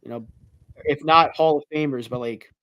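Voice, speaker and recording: A man with a slightly high voice co-hosting a sports podcast, chatting loosely with plenty of fillers. The sound is dry and close, with no room echo. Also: moderate pace, smooth, highs cut off. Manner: conversational, lots of fillers like "like". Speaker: podcast co-host. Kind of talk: casual sports talk.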